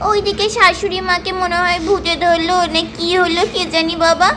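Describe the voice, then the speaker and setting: A woman's voice: very high voice, little pitch movement, moderate pace, background noise. A woman narrating a doll cartoon story for children and voicing its fussing young mother. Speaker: narrator and doll-play voice actor.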